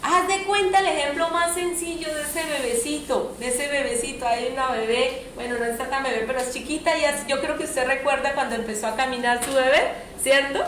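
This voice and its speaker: Woman preacher, high voice, animated sermon, echoey hall with faint noise. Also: brisk, few pauses. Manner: animated, asks the audience questions often. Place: church hall.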